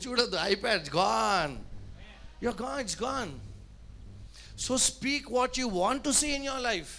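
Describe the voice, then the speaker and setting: A man's voice: high-pitched, bright, forceful tone. A male pastor, preaching a sermon emphatically and calling on the congregation to respond. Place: church service.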